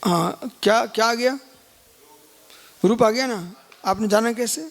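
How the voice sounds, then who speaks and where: A man's voice: sits high, measured pace, gravelly. A man, a Jain monk, giving a live scripture lecture and keep prodding listeners with questions. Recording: long hall reverb.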